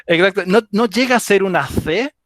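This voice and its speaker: A man with a Venezuelan Andean accent explains things in a loose, chatty way, often pausing to ask "ok?". His voice sits a little high for a man. The sound is dry and close, picked up by a video call mic. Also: expressive, fairly bright tone, dry recording. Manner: explanatory, informal, with frequent "ok?" checks and laughs. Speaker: guest speaker on dialects. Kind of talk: live online talk.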